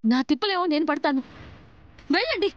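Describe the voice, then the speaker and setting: A woman's voice: very high-pitched, sing-song, brisk, muffled recording. An actress playing an ambitious young model who scolds her husband and begs a director for forgiveness. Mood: scolding. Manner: pleading, scolding. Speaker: aspiring model. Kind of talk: TV serial acting.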